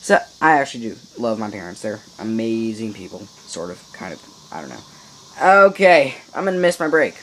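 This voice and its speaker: A man's voice: lowish voice, big pitch swings, a little fast, slight background noise, rough recording. A teenage boy vlogging casually from his upstairs room at home, rambling to viewers with playful mock outrage. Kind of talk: casual video diary. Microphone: microphone in a home room. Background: faint insects chirping.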